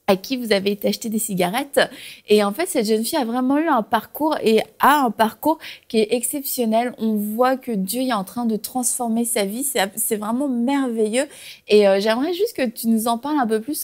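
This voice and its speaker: A woman hosting a faith talk show, asking gentle, encouraging questions. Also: on the high side.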